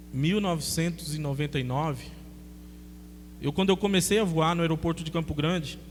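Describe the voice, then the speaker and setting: Brazilian male pastor, high voice, animated storytelling sermon, reverberant church hall with faint hum. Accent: Brazilian Portuguese. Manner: chatty, animated storyteller who acts out dialogue.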